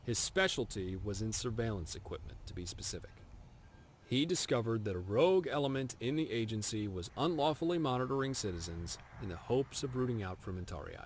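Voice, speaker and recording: A man's voice: medium pitch, animated, brisk, a little hiss or hum, close to an everyday voice. An actor playing a stern male military officer who hands out a kill contract in a formal, clipped, contemptuous way. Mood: stern briefing. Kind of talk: video game dialogue.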